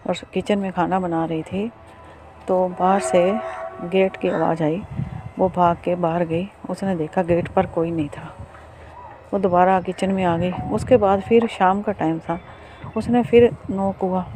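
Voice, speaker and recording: A storyteller spinning a spooky tale in a loose, conversational way. The voice sits at a middling pitch and stumbles forward, circling back and repeating itself as the story builds. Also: background noise. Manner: halting and repetitive, restarts often. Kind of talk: casual spoken ghost story narration.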